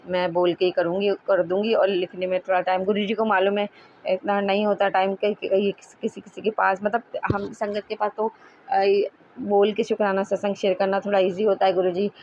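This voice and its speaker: A woman's voice: mid-range voice, a little mellow. A woman tells a devotional story in a chatty, rambling way, often stopping to correct herself mid-word. When she addresses her guru she turns earnest and pleading. The recording is dull and lo-fi, with a faint hiss underneath. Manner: chatty and rambling, with frequent self-corrections and restarts. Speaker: devotee sharing a satsang testimony. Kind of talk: casual devotional storytelling to listeners.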